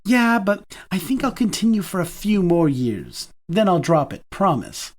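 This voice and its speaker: A cheeky, teasing young man from a romance audiobook, his voice lifted noticeably higher and bright with mischief, as a male narrator plays him. He talks lightly and playfully, as if he is always joking. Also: big pitch swings, moderate pace.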